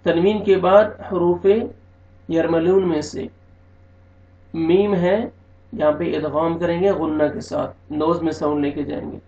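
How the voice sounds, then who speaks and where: A man teaching tajweed, slowly drawing out recited words and then explaining the pronunciation rules more plainly. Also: a little high, flat delivery, a little mellow. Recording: echoey, distant, dull recording.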